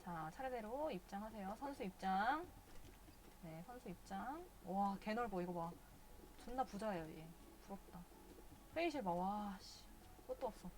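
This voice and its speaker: A woman's voice: mid-range voice, animated, moderate pace, darkish tone, slight background noise. A woman streaming a video game live, chatting casually and cursing at the characters in exasperation.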